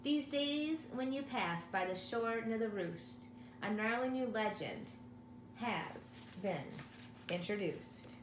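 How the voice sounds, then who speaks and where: Slightly high-pitched, a middle-aged woman narrates a storybook for young children at a measured pace, expressive and posing questions to them as a teacher would. The setting is a home living room, with a camera or phone placed a little way off giving a roomy sound and faint background noise.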